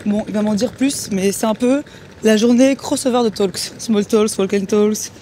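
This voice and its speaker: A man hosting a walking chat show, upbeat and teasing in quick back-and-forth. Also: sits high, dark tone, slight background noise. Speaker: host. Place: outdoors on city streets.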